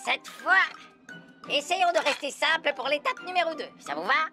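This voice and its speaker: High voice, male cartoon woodpecker, excitable, cocky, theatrical, loud musical backing. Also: normal speed, over loud music. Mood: cocky, showy. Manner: boastful, theatrical, dismissive. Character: boastful, reckless male cartoon woodpecker, adult, excitable know-it-all. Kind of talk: French cartoon dub acting.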